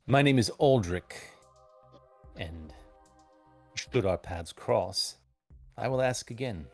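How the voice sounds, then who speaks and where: A man's voice: fairly low pitch, lively intonation, soft background music, heavily acted. A man playing a stern, formal merchant. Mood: courteous. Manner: measured, formal and unyielding. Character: shrewd businesslike male merchant collector.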